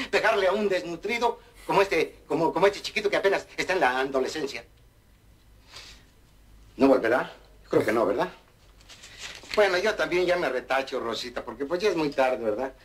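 A man's voice: high voice, a bit bright. A man playing a cheeky, boastful streetwise talker who rambles through jumbled wordplay in a vintage TV comedy sketch. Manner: rambling, wordplay-laden chatter. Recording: old TV sketch with audience laughter. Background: studio audience laughing.

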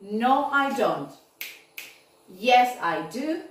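Slow-spoken teacher woman, echoey room. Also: fairly high pitch, lively intonation, a little hiss or hum. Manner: slow, drawn-out model phrases mixing Spanish and English. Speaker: English teacher. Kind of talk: video lesson for children. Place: classroom with whiteboard. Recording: very echoey room, far from mic.

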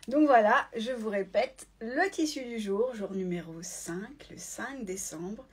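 A woman hosts a casual live stream from her phone, talking fast and chatty as she answers viewer comments. Her voice sits a little high and has a husky edge. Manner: chatty and quick, reads viewer comments aloud. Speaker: sewing shop owner hosting a live giveaway. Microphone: phone in selfie mode.

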